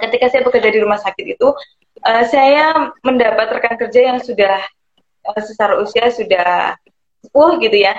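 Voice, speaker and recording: Woman, explanatory, pauses to find words, roomy echo, fairly high voice. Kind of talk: conversational explanation with anecdotes. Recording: roomy, dull lo-fi sound.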